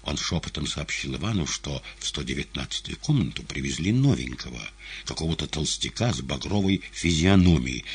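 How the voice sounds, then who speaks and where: A man narrating an audiobook in an expressive, storytelling manner. His voice is extremely deep and rough, and its pitch moves up and down a great deal. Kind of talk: scripted narration.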